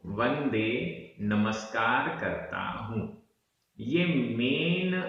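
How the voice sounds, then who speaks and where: A male language teacher who recites verses at a very slow, deliberate pace and then explains them patiently. His voice sounds distant and dull, as if from a lo-fi recording. Heavy room echo surrounds every word. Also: mid-range voice, sharp tone.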